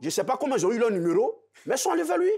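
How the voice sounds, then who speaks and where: A man's voice: extremely high pitch, sing-song, very fast, a little mellow. A man arguing insistently in a studio debate, repeating himself to make his point. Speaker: debate panelist.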